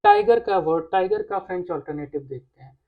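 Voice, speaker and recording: A woman teaching a language lesson, explaining patiently and pausing on "okay" between points. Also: on the low side, lively intonation, phone-quality sound. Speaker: French teacher.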